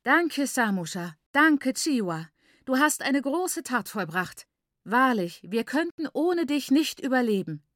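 A woman voicing an overjoyed young woman who stretches each word melodically and gives high ululating cries. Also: very animated, a little slow, fairly bright tone, no room sound, full character voice. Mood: gushing. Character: jubilant, gushing young woman, loud and sing-song. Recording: dry close recording.

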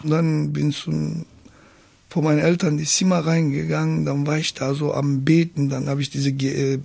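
A man as an interview guest, retelling his story in a lively, casual way with frequent tag questions. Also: on the high side, normal speed, vocal fry.

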